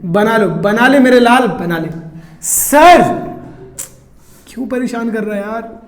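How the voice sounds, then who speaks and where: A man's voice: high voice, moderate pace. An Indian man teaching a chemistry class, counting aloud, quizzing the students and teasing them playfully. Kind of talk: classroom lecture. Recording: echoey classroom.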